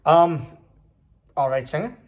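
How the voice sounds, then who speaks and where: A man's voice: a little high, slow. A man chatting casually to camera in a travel vlog, rambling with lots of fillers. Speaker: vlogger. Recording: faint background noise.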